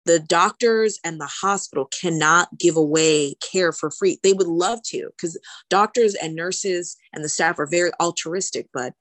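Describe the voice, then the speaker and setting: A woman's voice: on the low side, normal speed, a bit bright, no room sound. A woman speaking casually as an interview guest, explaining things conversationally and repeating words for emphasis. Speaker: podcast guest, healthcare lawyer.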